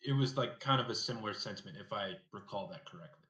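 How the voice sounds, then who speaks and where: Male co-host, lowish voice in a roomy, echoing space; casual, rambling, trails off. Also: animated, fast. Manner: rambling, many fillers, trails off softly. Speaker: basketball podcast co-host. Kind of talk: casual sports chat.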